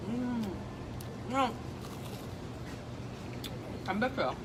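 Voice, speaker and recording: A woman's voice: fairly high pitch, lively intonation, very slow. A middle-aged woman chatting casually and animatedly while she eats, often exclaiming and asking questions. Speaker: mukbang vlogger chatting with younger relatives. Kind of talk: casual chat while eating. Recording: clearly noisy background.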